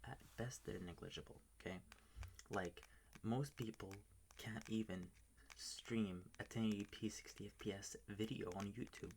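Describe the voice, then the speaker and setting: Low-voiced man, late-night whispered ASMR rant, swears freely, faint tapping noise behind. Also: moderate pace, gravelly, a little mellow. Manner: whispering, ranting, swears often. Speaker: ASMR video maker. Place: bedroom at home at night. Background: faint keyboard tapping and clicks.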